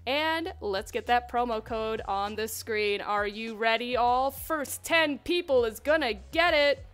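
High-voiced woman hosting a chatty livestream. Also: measured pace, a bit bright, smooth, faint music behind. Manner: chatty, upbeat, laughs often, reads chat aloud while eating. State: mouth burning from spicy wings. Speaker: livestream host for a game studio. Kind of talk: casual livestream chat.

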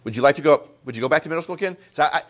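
A middle-aged man giving a talk to a small group of parents, telling a story in an animated way with frequent asides to the room. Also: on the high side, very fast. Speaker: school presenter speaking to parents.

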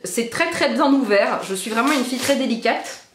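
Bubbly high-voiced young French woman. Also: lively intonation, normal speed, slight background noise. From France. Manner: bubbly and gushing, repeats trop trop. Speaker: beauty vlogger. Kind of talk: casual vlog unboxing. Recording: echoey room.

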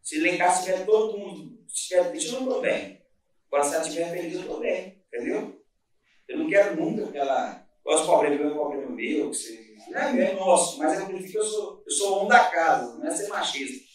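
This restaurant and bakery owner talks fast in a high voice with lively intonation, his Brazilian Portuguese accent clear. As an interview guest in a casual chat, he rambles earnestly through his story with many restarts, recorded in an echoey room from a distant mic.

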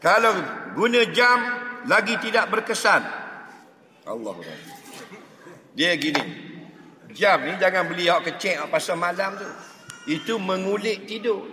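Ustaz with a high bright voice cracking jokes at an evening mosque talk, big echoey hall, keeps asking "faham?". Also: male voice, animated, a little slow, long pauses. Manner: jokey, keeps asking the crowd if they understand. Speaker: religious teacher. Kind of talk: humorous mosque lecture answering questions.

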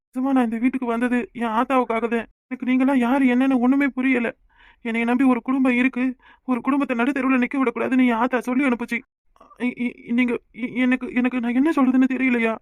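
A man voicing a young husband in a cartoon who has lost his memory, speaking gently and with confusion. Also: very high-pitched, no room sound. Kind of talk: cartoon voice acting.

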